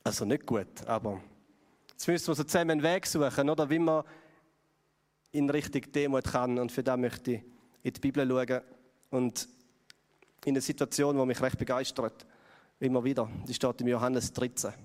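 A man's voice: mid-range voice, fairly even intonation, normal speed, pauses often, a little mellow. A man with a Swiss German accent preaching a sermon in a conversational way, putting questions to his audience. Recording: long hall reverb.

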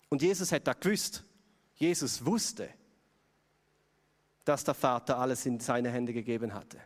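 Brief: Swiss German male preacher, slightly high voice, chatty sermon delivery, long church-hall reverb. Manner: conversational, asks the audience questions.

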